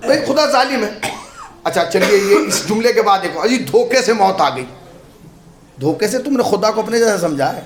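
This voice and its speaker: A man from India preaching a memorial sermon in a mosque, telling stories dramatically, asking rhetorical questions and rising to emphatic shouts. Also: high-pitched, animated, a crowd in the background. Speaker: maulana preaching at a memorial majlis. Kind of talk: Urdu majlis sermon. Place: mosque hall. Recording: echoey mosque hall.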